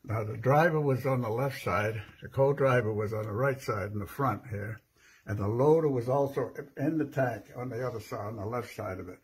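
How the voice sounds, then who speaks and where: An elderly American man, an old veteran remembering his service in a plain, halting way. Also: mid-range voice. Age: 80s or older. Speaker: World War II veteran. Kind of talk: personal reminiscence.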